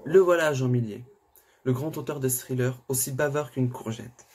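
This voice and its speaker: A man giving a dramatic first-person reading of a thriller, expressive and swinging between calm narration and anguished outbursts. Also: mid-range voice, moderate pace, a little hiss or hum. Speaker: reader of a thriller.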